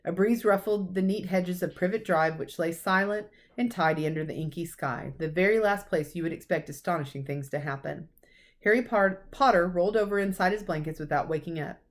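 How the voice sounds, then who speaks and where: Reading aloud from a children's storybook, a woman narrates expressively, in the manner of a teacher addressing young listeners. She speaks fairly quickly in a fairly low voice.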